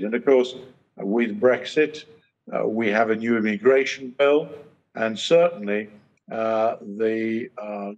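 An older British man on a video call, speaking as a panelist in a measured way, with many pauses and fillers. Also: fairly low pitch. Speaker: trade association chairman, panelist. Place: home study, indoors. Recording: muffled video-call audio.

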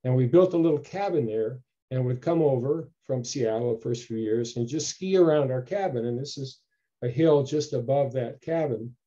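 Older male speaker, easygoing slide-show storyteller, very dark tone, muffled webcam audio. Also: medium pitch, normal speed. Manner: relaxed storytelling, clears throat often. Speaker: local history speaker. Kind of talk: informal slide-show talk. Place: home room with bookshelves. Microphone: video call webcam. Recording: dull lo-fi video call audio.

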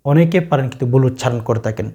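A man with a Bangladeshi Bengali accent teaching a religious practice to viewers, speaking directly to them and reciting verses slowly and drawn out. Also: mid-range voice, dark tone, breathy edge.

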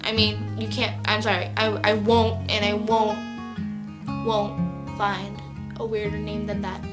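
A woman's voice: mid-range voice, monotone, measured pace, over music. A teenage girl video blogger rambling casually to camera in a stairwell, correcting herself as she goes. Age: teens. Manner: rambling, conversational, self-correcting. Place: indoor stairwell.

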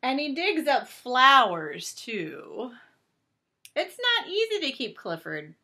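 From a small bedroom in her home, a middle-aged woman acts as a teacher, reading a picture book aloud for children. Her voice sits high, and she reads deliberately and expressively, lingering on emphasized words.

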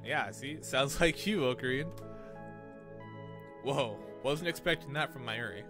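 A man streams a game from an indoor room set up for streaming, dramatically reading out visual novel narration and dialogue over game music. His voice sits in the mid range, expressive and a touch slow.

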